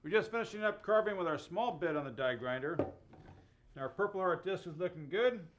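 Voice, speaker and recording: A man's voice: sits high, animated, a little fast, noisy background. Middle-aged man explaining woodwork in his workshop. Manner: clear, methodical explaining with mild enthusiasm. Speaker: host and woodworker. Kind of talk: instructional woodworking demonstration. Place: indoor wood workshop.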